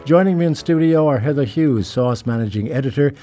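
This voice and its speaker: A man hosting a radio studio interview, relaxed and chatty, laughing easily with his guests. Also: medium pitch, fairly quick, soft background music. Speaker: radio show host.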